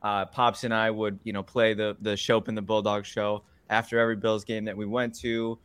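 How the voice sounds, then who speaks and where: A man's voice: lowish voice, little pitch movement, moderate pace, a bit bright, smooth, no echo. A young man co-hosting a sports podcast, speaking with eager, fan-like enthusiasm. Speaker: podcast co-host. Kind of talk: casual sports podcast chat.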